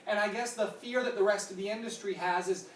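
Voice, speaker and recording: Fielding questions with brisk "yep" and "nope" replies, this insurance product trainer in their thirties walks a conference room through policy details. Their middle-pitched voice has fairly even intonation, and the distant mic catches an echoing room with faint noise behind.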